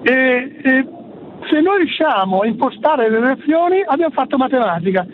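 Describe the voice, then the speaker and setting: A man on a tinny phone line phones in to a radio show from his car, and his voice sits very high. He explains his point earnestly, stopping and restarting as he goes, while a faint hiss runs underneath. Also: very animated, normal speed. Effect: heard over the phone. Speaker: radio caller. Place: in a moving car.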